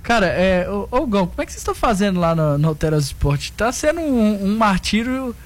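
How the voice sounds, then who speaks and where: Voz alta de tom agudo, sotaque mineiro, apresenta esporte animado. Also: male voice, sits high, fast. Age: 20s. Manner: lively, reads sports news between banter. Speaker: sports radio host. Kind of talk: sports talk and news reading.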